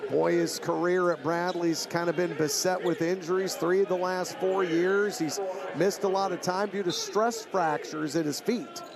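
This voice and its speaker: High-pitched, gravelly male basketball analyst. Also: steady tone, measured pace. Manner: conversational, opinionated analysis. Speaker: color analyst. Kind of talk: live sports commentary. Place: indoor basketball arena. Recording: crowd noise from basketball arena.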